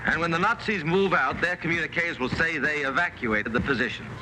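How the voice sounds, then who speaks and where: Brisk old newsreel narrator, man. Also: fairly high pitch, noisy background. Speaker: newsreel narrator asking the questions.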